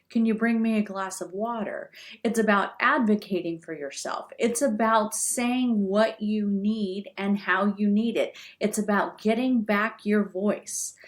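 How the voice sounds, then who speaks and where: A woman speech pathologist in her fifties talks in an unhurried, deliberate way. She leans on key words for emphasis, and her voice sits at an ordinary middle pitch. It sounds like a video call. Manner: slow, deliberate, emphatic delivery. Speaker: speech-language pathologist and podcast host. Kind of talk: encouraging talk on stroke recovery.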